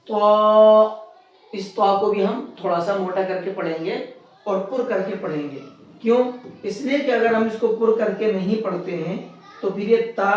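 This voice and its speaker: A man's voice: sits high, darkish tone. A man teaching Quran letter pronunciation step by step, patiently repeating his points and drawing out each letter to demonstrate it. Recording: very echoey room, distant dull mic.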